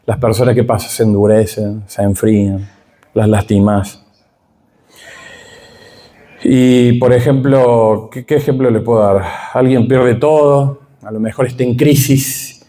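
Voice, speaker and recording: A man's voice: mid-range voice, warm tone. A middle-aged man with a Rioplatense accent teaching a Bible class. He speaks with emphasis and keeps checking in with his listeners through rhetorical questions. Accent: Rioplatense Spanish.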